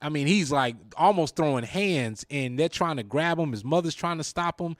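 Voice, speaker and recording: A man hosting a talk show, telling stories in a lively, animated way with a Southern American accent. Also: fairly high pitch, normal speed, no echo, clean studio sound. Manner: animated storyteller, acts out quoted lines. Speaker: radio show host. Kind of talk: casual talk show chat.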